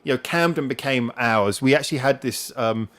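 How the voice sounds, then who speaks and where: A man's voice: medium pitch, moderate pace, a bit bright. A young man hosting a casual live stream chat from his home computer. He talks in a rambling, chatty way and laughs often.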